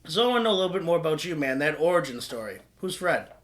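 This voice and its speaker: Very animated and very fast, this historian hosting an interview podcast speaks in a high-leaning, fairly bright voice. He keeps the casual chat friendly and keeps addressing his guest as "man."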